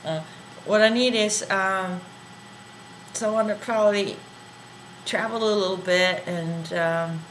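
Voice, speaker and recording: A woman's voice: mid-range voice, steady tone, takes it slowly, pauses often, a crowd in the background, low-quality recording. A woman co-hosting a casual chat, hesitant and trailing off with fillers as she explains what she wants. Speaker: co-host.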